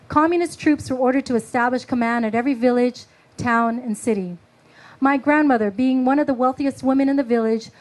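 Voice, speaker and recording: A woman author slowly reading her own prose at a book launch, after a halting, filler-filled introduction. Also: a little high, a little mellow, poor audio. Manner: halting, filler-heavy speech between readings; slow, measured literary reading.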